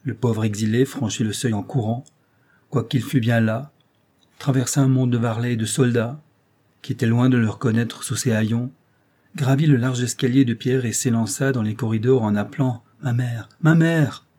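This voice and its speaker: A man narrating an old French tale as an audiobook, in a measured, expressive storytelling manner. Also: mid-range voice. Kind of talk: audiobook reading of a classic story.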